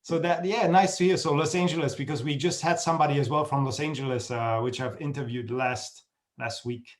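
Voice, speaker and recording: A man hosting a podcast, asking questions in a friendly, halting way with many fillers. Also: fairly high pitch, steady tone. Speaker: podcast host. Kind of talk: casual interview chat.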